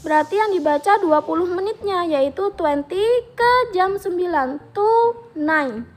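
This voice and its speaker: A woman with an Indonesian accent teaching a lesson, enunciating slowly and deliberately as she explains step by step. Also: extremely high pitch. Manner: instructive, repeating key points step by step. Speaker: English teacher. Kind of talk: scripted lesson explanation for students. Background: music.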